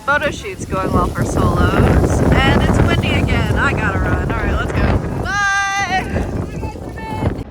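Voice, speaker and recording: A young woman giving quick casual vlog updates to a handheld phone camera at a convention. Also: sits high, wildly swooping pitch. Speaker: cosplay vlogger. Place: convention and hotel. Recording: loud music behind.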